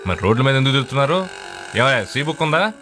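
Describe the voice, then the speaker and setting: An actor playing a gruff, bossy traffic policeman in a film comedy scene. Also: medium pitch, very animated, fast talker, bright, forceful tone, soft background music. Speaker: comic film character.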